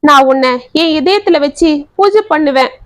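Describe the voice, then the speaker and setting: A woman's voice: sits high, moderate pace, lightly acted. Woman reading as a heartbroken young suitor. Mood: pleading. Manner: pleading, tender. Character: young wealthy man, heartbroken suitor, earnest.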